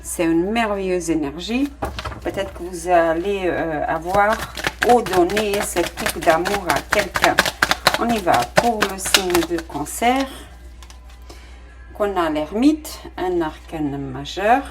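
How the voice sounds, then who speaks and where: A woman's voice: on the low side, lively intonation, takes it slowly, loud music behind the voice. A middle-aged woman with a non-native French accent giving a casual tarot reading, hesitant with many fillers and delighted exclamations at the cards. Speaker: tarot reader.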